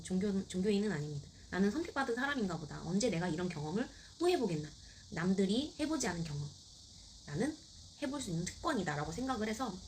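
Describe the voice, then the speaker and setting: Middle-aged woman chatting to camera, frank and a bit funny, voice bounces up and down, faint room hum behind. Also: medium pitch. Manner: candid, animated, lightly humorous. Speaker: cancer patient vlogger. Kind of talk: casual personal storytelling.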